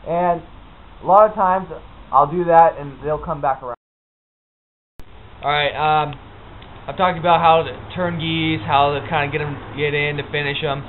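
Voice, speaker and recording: A man giving a casual, unscripted how-to explanation in a halting, informal, plain-spoken way. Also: a little high. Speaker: hunting instructor. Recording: muffled phone-like lo-fi audio, background noise.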